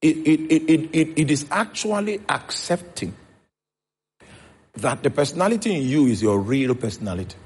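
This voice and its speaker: Husky Nigerian preacher. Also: male voice, on the high side, very animated, normal speed. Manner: preaching, checks in with the congregation. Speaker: pastor. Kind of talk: sermon.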